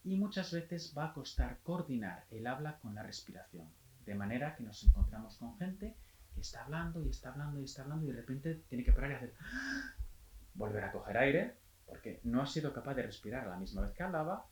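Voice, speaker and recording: A man gives a health talk as a physiotherapist, explaining things calmly and patiently. His voice is warm and mellow, and it sounds roomy and echoey in the space where he is recorded. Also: medium pitch. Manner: explanatory, calm, with small restarts.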